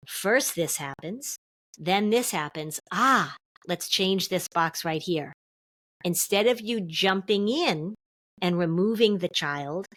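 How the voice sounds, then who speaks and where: A middle-aged woman therapist, a guest on a podcast, explaining in an animated way and acting out what her clients say. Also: lowish voice, dry recording. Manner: animated, acts out quotes from clients. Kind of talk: podcast interview.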